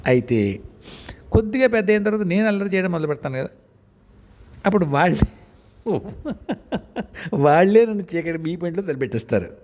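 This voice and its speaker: A man recounts his experiences as a spiritual practitioner, reflective and conversational, addressing listeners directly in a storytelling memoir talk. He's high-pitched and brisk with lively intonation and frequent pauses, his tone darkish. There's a little hiss or hum and long reverberant echo in the room.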